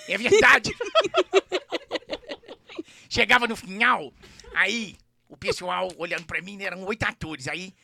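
A man's voice: high-pitched, a little slow, creaky, pauses often, bright, forceful tone. A man, a comedian guest chatting playfully in an interview and laughing often at his own jokes.

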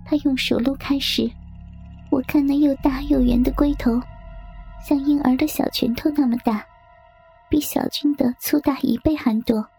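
A young woman reading a story aloud in hushed, intimate whispered narration. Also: high voice, steady tone, moderate pace, soft background music. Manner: hushed, intimate, breathy delivery.

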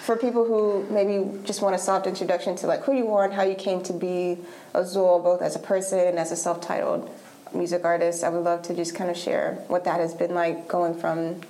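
A woman hosting a podcast, introducing the show and her guest with friendly, softly hesitant phrasing. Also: on the low side, flat delivery, fairly quick. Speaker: podcast host.

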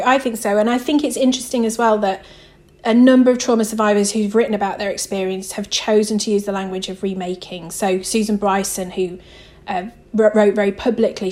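A woman's voice: medium pitch, fairly even intonation, brisk, darkish tone. A woman author and theologian answering interview questions in a reflective way, thinking aloud as she goes.

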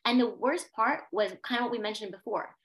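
A woman's voice: on the high side, fairly quick, fairly bright tone. A young adult woman, a podcast guest, telling a personal story with intense emphasis and repeated phrases.

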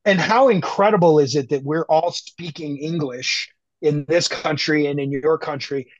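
A man's voice: fairly high pitch, moderate pace, no room sound, highs cut off. A man speaking earnestly and reflectively as a guest in a conversational podcast interview, from the United States. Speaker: guest artist.

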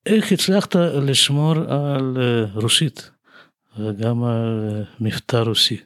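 Male interviewer with a mid-pitched voice. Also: a bit bright. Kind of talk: casual interview questions.

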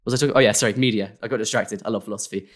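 A young man appears as a guest creator in an interview, talking very fast in a lowish, steady tone. He rambles casually, with lots of fillers, restarts and self-corrections.

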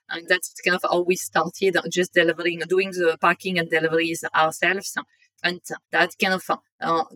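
Bright-voiced French woman, hesitant. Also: fairly low pitch, dry recording, low-quality recording. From northern France. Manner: hesitant, frequent "uh" fillers. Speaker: guest, company co-founder. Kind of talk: casual interview.

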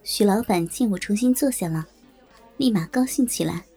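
A woman telling a story in the first person, in a colloquial, brisk storytelling manner. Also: medium pitch, expressive, dark tone, husky, faint music behind. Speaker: narrator.

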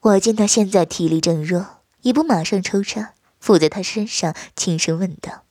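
A woman narrating an audio story in a soft, hushed, breathy voice. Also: medium pitch, normal speed, dry recording, studio quality.

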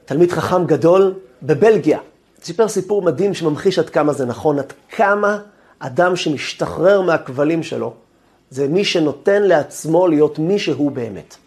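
A man, a rabbi, giving a lesson as an animated, dramatic storyteller. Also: on the high side.

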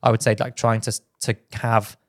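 A British man co-hosting a running podcast in casual chat, quick and full of restarts. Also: lowish voice, flat delivery, no room sound, clean studio sound. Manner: quick, with frequent restarts and fillers. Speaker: podcast co-host.

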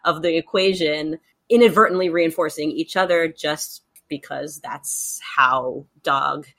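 A woman hosting a podcast, speaking in a supportive, reassuring and measured way. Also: low-pitched, fairly bright tone, no room sound. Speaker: podcast host. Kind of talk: casual podcast conversation.

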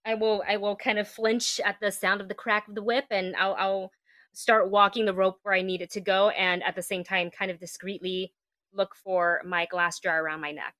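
A woman playing in a tabletop game, describing her character's actions in a hesitant, halting way. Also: medium pitch, little pitch movement, pushed and bright. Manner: hesitant, halting, full of restarts. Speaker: player. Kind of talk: casual tabletop role-play.

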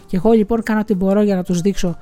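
A woman reading as a widowed village schoolteacher pouring out a bitter, quiet confession in an audiobook. Her voice sits at a middling pitch with a mellow, dark tone, and faint music plays underneath. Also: steady tone, lightly acted. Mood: resentful. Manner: quiet confessional, tearful, resentful.

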